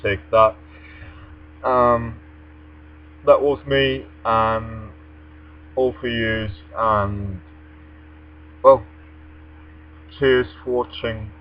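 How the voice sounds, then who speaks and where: Speaking English for a personal vlog, a young man uses a mid-range voice with fairly even intonation, stretching his words and leaving long pauses. His delivery is articulate and formal while he alternates reading aloud with relaxed tag-challenge answers. A hum from the mains runs under the dull lo-fi recording.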